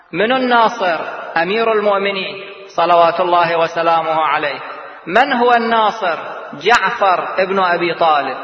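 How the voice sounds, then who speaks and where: A man gives a religious lecture, firing off rhetorical questions, answering them himself, and chanting verses. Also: high voice. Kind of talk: religious lecture with Quran recitation. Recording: echoey hall, dull lo-fi sound.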